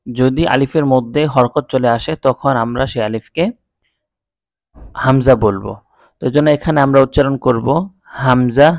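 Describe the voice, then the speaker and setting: A man teaching Quran reading in a slow, step-by-step lesson, drilling each letter and vowel sound one at a time. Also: medium pitch, no echo.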